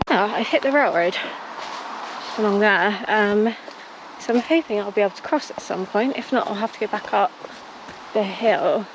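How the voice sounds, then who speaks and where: A British running vlogger talks casually to her camera as she jogs outdoor trails. Her medium-pitched voice is unhurried, with frequent pauses, and the background is full of outdoor noise.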